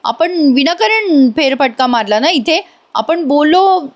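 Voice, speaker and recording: A woman's voice: sits high, expressive, quick pace, voice pushed up. A woman voicing a frustrated young woman in a serial recap, scolding and fed up. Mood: exasperated. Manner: exasperated, scolding outbursts.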